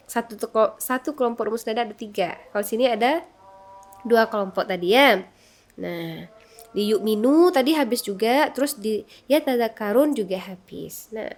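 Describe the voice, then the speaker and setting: A woman teaching Quran recitation melody, explaining softly and then singing verses louder and higher as examples. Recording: echoey room with long reverb.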